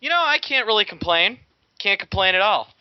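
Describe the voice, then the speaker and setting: A man's voice: high voice, animated, fairly quick, clean tone. A man with a tinny, metallic-sounding voice, joking around as a regular co-host over a remote call. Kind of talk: joking casual banter. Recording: dull, tinny, dry remote call audio.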